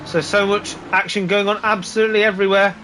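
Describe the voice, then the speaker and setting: A man doing live motorsport commentary, calling the race play by play in an excitable, exclaiming way. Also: sits high, fast talker, slight background noise, rough recording. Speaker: motorsport commentator on a sim racing broadcast.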